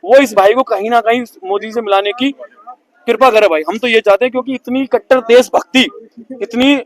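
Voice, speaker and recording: A man's voice: extremely high pitch, fairly even intonation, a little fast. A man speaking earnestly in a street interview, pleading and full of admiration. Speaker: bystander interviewee.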